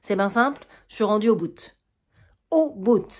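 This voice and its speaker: A woman's voice: mid-range voice, a little fast, close to an everyday voice. A woman reading a play aloud, voicing a harried middle-aged housewife who cares for her mother-in-law, with a Quebec French accent and a complaining manner. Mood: weary.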